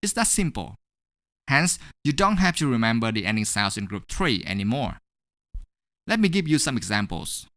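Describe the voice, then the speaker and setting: A man teaching English pronunciation in a scripted online lesson, speaking slowly and deliberately and repeating each word for drilling. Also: mid-range voice, bright, forceful tone, no echo, clean studio sound.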